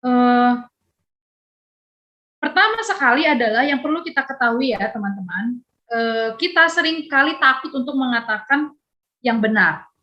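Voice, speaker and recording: A woman, teaching a youth Bible lesson over a video call. She chats lively, laughs often and acts out dialogue. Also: fairly high pitch, normal speed, long pauses, highs cut off.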